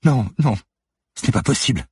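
A man voicing a frightened young woman who protests in shrill, indignant outbursts in an audiobook. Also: animated, moderate pace, a little mellow, slightly rough, no echo. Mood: outraged, panicked. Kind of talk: audiobook character voice.

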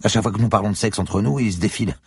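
A man voicing an evasive young male student who answers police questions in an offhand, defensive way, with a husky voice. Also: on the low side, very fast, no room sound, studio quality, pitched above the performer's own voice.

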